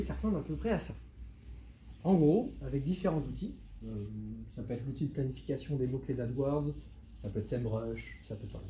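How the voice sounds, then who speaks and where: A man on the higher side for his sex, with a very dark, mellow tone, presenting to a live meetup audience. He talks to the room directly and lively, dropping dry asides as he goes. A faint hiss sits under the voice. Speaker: web consultant giving a meetup talk.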